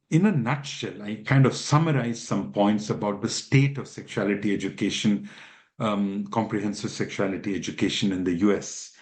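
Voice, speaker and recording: Measured man with a low voice. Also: a little mellow. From India. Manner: measured, explanatory, with many fillers. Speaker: expert guest. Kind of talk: podcast interview answers.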